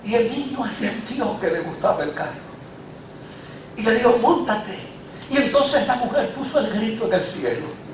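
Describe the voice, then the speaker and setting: A man with a Puerto Rican accent preaching a sermon as pastor, his delivery impassioned, swinging from low and quiet to loud and high. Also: lively intonation, moderate pace, slight background noise. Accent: Puerto Rican Spanish. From Puerto Rico. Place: large church sanctuary. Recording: echoey church sound from far off.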